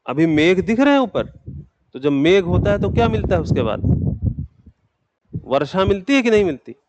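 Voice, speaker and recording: A man's voice: high voice, big pitch swings, normal speed, heavy background noise. A man teaching a geography class, speaking patiently and in a fatherly way to students who have just joined. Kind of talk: classroom lecture.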